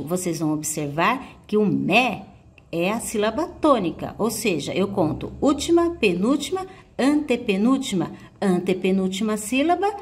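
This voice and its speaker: A woman teacher with a Brazilian Portuguese accent, giving a video lesson to schoolchildren and slowly stressing syllables as she sounds out words. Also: a little high.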